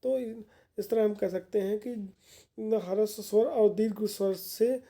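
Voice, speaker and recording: A woman's voice: mid-range voice, a little slow, mellow. A woman teacher giving a grammar lesson for exam candidates, explaining patiently and repeating points in plain words.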